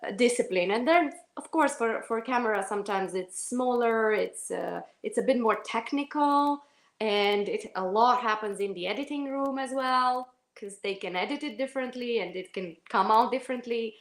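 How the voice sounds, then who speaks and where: A Romanian actress answers interview questions in a thoughtful, hesitant manner, correcting herself often with many fillers and restarts. Her voice is on the high side at a moderate pace, and the room is echoey.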